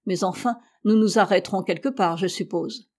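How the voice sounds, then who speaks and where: A woman's voice: medium pitch, moderate pace, a little mellow, close to an everyday voice. A woman voicing a stubborn, proud American explorer who argues insistently and heatedly. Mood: calm.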